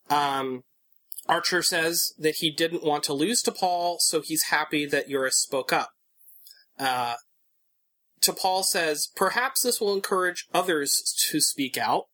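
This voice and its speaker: A man's voice: fairly high pitch, bright, forceful tone. A man co-hosting a casual podcast chat, thinking aloud with many fillers and restarts. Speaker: podcast co-host.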